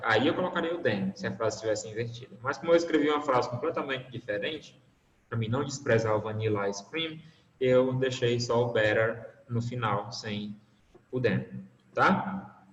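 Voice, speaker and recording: A man teaching English online, explaining patiently and checking in with his students. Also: medium pitch. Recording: roomy, reverberant, dull lo-fi call audio.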